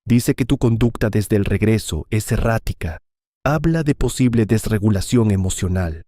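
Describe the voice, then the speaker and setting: A man's voice: on the low side, expressive, moderate pace, dark tone, dry recording, studio quality. A man voicing a serious, guarded male military commander in a storybook. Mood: grave.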